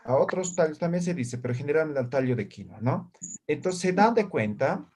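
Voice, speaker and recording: With lively intonation and a slightly high, darkish voice, a male language teacher moves a little fast through his lesson. He checks in with short questions nearly every phrase, and students can be heard answering.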